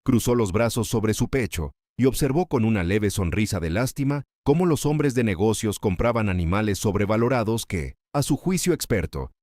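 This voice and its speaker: A man's voice: fairly low pitch, a little mellow, no room sound, clean studio sound. A man narrating a scripted dramatic story in a solemn, literary storytelling manner.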